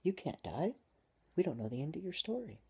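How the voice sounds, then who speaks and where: A man voicing a quiet, shy schoolgirl in a story he reads aloud. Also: fairly high pitch, big pitch swings, brisk, creaky, slightly rough, voice pushed up, full character voice. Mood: earnest.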